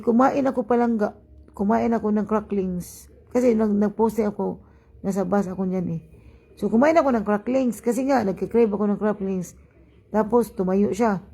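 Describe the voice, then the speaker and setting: A woman's voice: mid-range voice, slightly rough, rough recording. A woman from Cebu, speaking with a Cebuano-tinged accent, telling a story in a casual vlog and acting out the people she quotes. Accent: Cebuano-tinged Filipino. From Philippines (Cebu). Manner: animated, acts out quoted people, laughs often. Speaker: vlogger living abroad.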